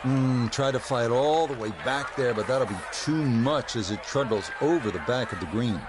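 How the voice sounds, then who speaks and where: A man giving golf commentary in a measured play-by-play manner with wry understatement. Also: medium pitch, background noise. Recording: music and crowd behind voice.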